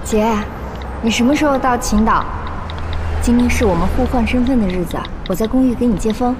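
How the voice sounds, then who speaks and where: An actress playing a proud, stubborn young wife who speaks coldly and firmly in a TV drama. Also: female voice, fairly high pitch, fairly quick, background noise, natural voice. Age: young adult. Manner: cold, firm. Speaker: daughter, wife. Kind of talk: TV drama acting.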